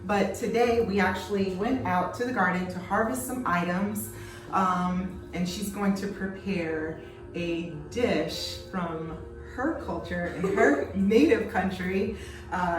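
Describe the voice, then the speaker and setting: A young woman hosting a casual cooking chat, upbeat, laughing easily and asking her guest questions. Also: lowish voice. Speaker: host. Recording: roomy echo, far from mic, music behind.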